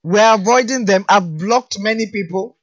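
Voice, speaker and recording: A man in his fifties, co-hosting a radio show with teasing, animated banter. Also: high-pitched, moderate pace, highs cut off. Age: 50s. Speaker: radio co-host.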